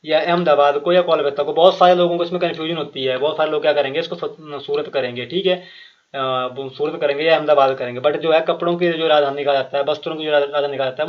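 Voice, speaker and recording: A man with a fairly high voice runs an exam-prep quiz lesson, reading out each question and its options before explaining the answer. He repeats himself often and talks straight to the viewers. The recording sounds muffled and lo-fi. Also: steady tone, fast. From Himachal Pradesh. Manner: frequent fillers and restarts, addresses viewers directly. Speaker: quiz teacher.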